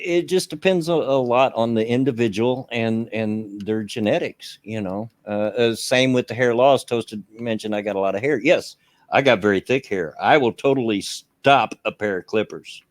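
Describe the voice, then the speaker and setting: A man in his fifties hosts a casual livestream from home, rambling as he reads viewers' messages aloud. His voice sits at an ordinary middle pitch, and the recording is dry, with no room sound. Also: normal speed, no echo. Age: 50s. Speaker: stream host. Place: home, on a laptop camera.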